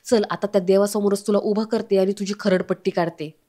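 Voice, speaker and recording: A woman's voice: medium pitch, steady tone, brisk, dark tone, natural voice. A woman voicing a fierce woman scolding a man harshly. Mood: angry. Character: fiery angry village woman.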